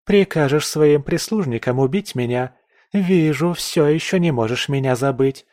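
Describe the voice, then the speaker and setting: A man's voice: fairly high pitch, moderate pace, dry recording, studio quality, voice pushed up, natural voice. A man voicing a haughty, defiant young woman. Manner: haughty, sharp-tongued, taunting. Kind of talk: audiobook character voice.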